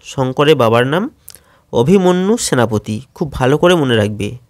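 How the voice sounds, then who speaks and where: A Bengali-accented man talks schoolchildren through a lesson one question at a time. He reads out each question and then answers it in a steady, methodical way. His voice sits at a medium pitch, and the recording is close and dry. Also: moderate pace, no echo. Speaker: teacher.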